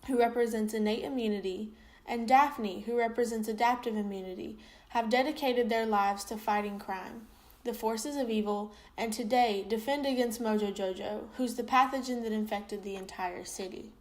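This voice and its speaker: A woman, a student presenter, reading out a science explanation in a steady, informative way. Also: a little high, moderate pace, rough recording. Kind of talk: read educational explanation.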